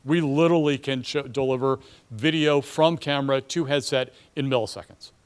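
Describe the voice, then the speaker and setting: A male executive delivers a startup pitch in a medium-pitched voice. He sounds confident and puts firm emphasis on his claims, addressing an audience as a presenter. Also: steady tone, normal speed, clear, resonant tone. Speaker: company CEO pitching a startup.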